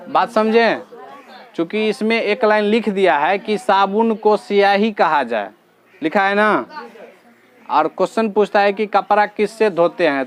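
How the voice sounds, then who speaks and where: A man's voice: high voice, a bit bright. A male teacher, patiently walking his students through reasoning questions in a classroom and repeating each answer.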